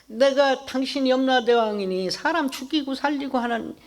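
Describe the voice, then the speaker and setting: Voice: sits high, normal speed, natural voice. A monk voicing a grieving old father who pleads to get his dead son back, in sermon storytelling. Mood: pleading. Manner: pleading, exclaiming.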